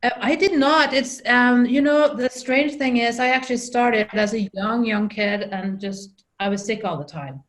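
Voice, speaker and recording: This middle-aged Norwegian woman speaks with a Norwegian accent, her voice sitting on the high side at a moderate pace with few pauses. She's an interview guest telling her story, and she sounds hesitant, full of ums and restarts.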